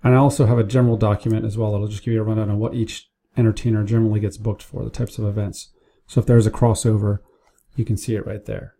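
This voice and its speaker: Here a business owner trains staff through a casual screen-share tutorial, his fairly low, gravelly, dark voice staying level as he talks fast and explains things informally step by step. The setting is indoors at a computer, where keyboard and mouse clicks can be heard.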